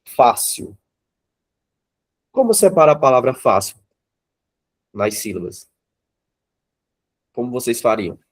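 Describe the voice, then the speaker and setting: A man's voice: mid-range voice, big pitch swings, slow pace, pauses often. A man with a Brazilian Portuguese accent teaching grammar to a class of students, often checking in with them and asking them questions.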